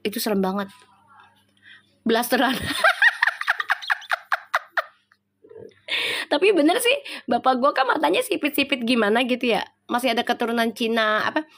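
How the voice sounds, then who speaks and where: A woman's voice: a little high, expressive, fairly quick, a bit bright. A middle-aged woman with a Betawi Jakarta accent, chatting casually with viewers on a tarot live stream, teasing and laughing often.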